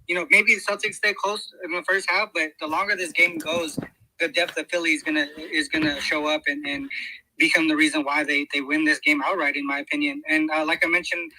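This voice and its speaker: A man giving casual basketball betting analysis, halting with many fillers and restarts. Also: fairly high pitch, little pitch movement, bright, forceful tone, no echo, rough recording. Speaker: betting show guest analyst.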